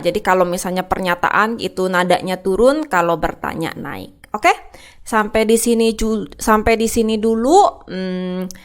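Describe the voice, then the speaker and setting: A young woman teaching a casual Mandarin grammar lesson, explaining patiently and reading example sentences slowly. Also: medium pitch, smooth.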